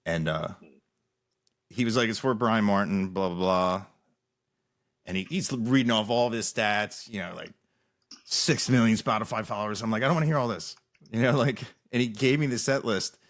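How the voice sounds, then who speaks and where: A man's voice: fairly low pitch, normal speed, fairly bright tone. A young man hosting a podcast, telling loose, rambling stories in casual chat with many restarts. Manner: rambling storyteller, many restarts, laughs often. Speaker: podcast host.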